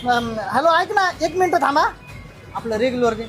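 A woman acting a drunken husband in a comic skit, talking in rustic village banter over loud background music. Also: sits high, lively intonation, normal speed. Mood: evasive. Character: drunken husband, boastful then remorseful.

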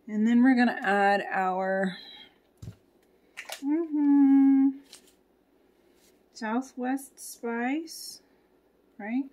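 Slow-talking woman chatting while she cooks. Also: fairly high pitch, darkish tone. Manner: chatty, talks to herself and viewers while cooking; reads recipe steps aloud. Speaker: home cook reviewing a meal kit. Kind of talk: casual cooking vlog chat. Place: home kitchen.

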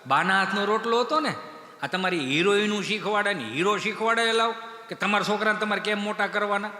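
Comic guy telling funny stories on stage, high bright voice, big echoey hall. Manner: animated, acts out voices in his stories. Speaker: comedian. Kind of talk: stand-up storytelling. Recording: echoey hall with long reverb.

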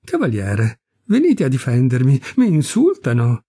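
A man's voice: medium pitch, huge pitch swings, a little slow, warm tone, slightly rough, no room sound, clean studio sound, full character voice. A man reading aloud voices a bold, teasing young woman who speaks frankly and mockingly.

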